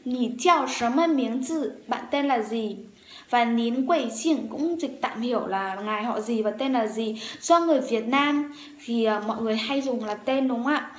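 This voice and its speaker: A woman teaching a language lesson, saying words slowly and repeating them several times for learners to copy. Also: a little high, roomy sound. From Vietnam.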